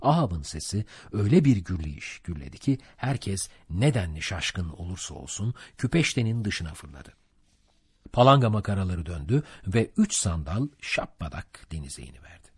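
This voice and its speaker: A man reading a classic sea novel aloud as an audiobook narrator, in measured storytelling. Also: deep voice, very animated, husky, dry recording, studio quality. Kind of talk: scripted narration.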